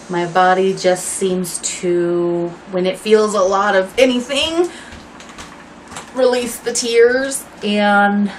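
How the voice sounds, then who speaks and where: A woman's voice: medium pitch, a little hiss or hum, low-quality recording. Rambling, apologetic woman vlogging at home. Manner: rambling and apologetic, with many fillers. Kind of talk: casual chat to camera. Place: at home, dyeing her hair.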